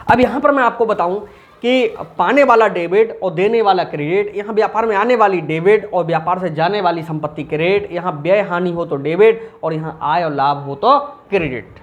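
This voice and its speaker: A male commerce teacher giving an accounting lesson at a board, chatty, asking questions and answering them himself. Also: high voice. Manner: chatty, asks and answers his own questions.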